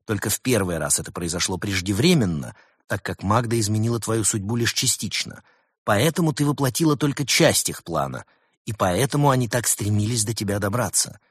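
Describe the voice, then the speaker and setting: A man voicing a shrewd talking male fox who explains things with lively insistence in an audiobook. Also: lowish voice, fairly quick, breathy edge, no room sound, studio quality. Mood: insistent. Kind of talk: audiobook character voice.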